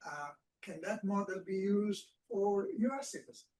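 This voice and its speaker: A man's voice: high-pitched, moderate pace, a little mellow, far from the mic, slight background noise, low-quality recording. A man in the audience asking a long, rambling question at a live panel.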